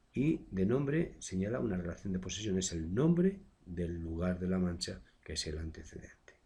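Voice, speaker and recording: Guy teaching grammar, deep voice, talks slow w lots of eh's, kinda husky. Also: darkish tone. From Spain. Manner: explains patiently with frequent "eh" fillers and tag questions. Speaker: secondary school language teacher. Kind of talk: recorded grammar lesson.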